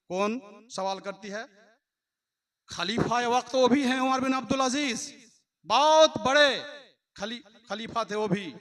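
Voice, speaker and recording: High, bright-voiced impassioned mosque preacher. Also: male voice. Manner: impassioned, chants scripture quotes slowly then explains. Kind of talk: Friday sermon.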